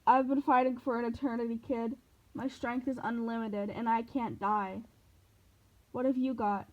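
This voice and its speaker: A woman's voice: fairly high pitch, steady tone, moderate pace, close to an everyday voice. A woman voicing a boastful, brutal male war god who taunts his young foe, read from a novel. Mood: taunting. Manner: taunting, swaggering. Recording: dull lo-fi recording.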